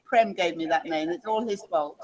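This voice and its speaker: A woman, answering briefly and softly as a guest in casual chat. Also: fairly low pitch, normal speed. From Manchester, north of England. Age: 80s.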